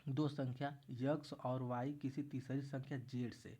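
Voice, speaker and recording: A man's voice: medium pitch, flat delivery, measured pace, mellow, breathy edge. Man talking through math problems aloud. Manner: explains step by step, repeats himself, keeps addressing "guys". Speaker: math tutor. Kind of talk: casual exam-prep math lesson.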